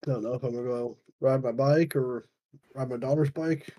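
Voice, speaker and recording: Husky, very dark-voiced man. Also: steady tone, a little fast. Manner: low-key, mumbling quiet asides. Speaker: podcast co-host. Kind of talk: casual gaming chat.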